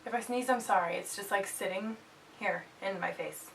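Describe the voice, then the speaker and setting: Her voice is medium in pitch and moves at a normal speed as this beauty vlogger, a woman in her twenties with a blocked nose, chats through product reviews. She's bubbly and jokey throughout, recorded on a slightly distant mic with faint hiss.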